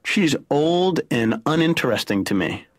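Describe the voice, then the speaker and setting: A man doing a stand-up comedy bit as a therapy patient, telling animated stories. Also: on the high side, unhurried, dry recording. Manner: animated, storytelling, husky.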